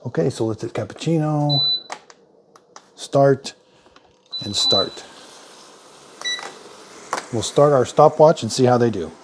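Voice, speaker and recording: A man's voice: medium pitch, slow pace, pauses often, noisy background. A middle-aged man giving a casual hands-on product demo in his home kitchen, thinking aloud in a plain-spoken way as he works. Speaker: product reviewer.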